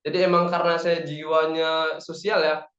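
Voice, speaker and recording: A young man in his twenties from Padang speaks as a relaxed, talkative guest in an online meeting, cheering his listeners on. His voice sits a little high. The call audio is roomy and echoey, with a dull, lo-fi sound. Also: normal speed. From Padang, West Sumatra, Indonesia. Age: 20s. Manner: relaxed, chatty, rallying the audience. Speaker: guest speaker, aviation cadet. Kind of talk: casual talk in an online meeting.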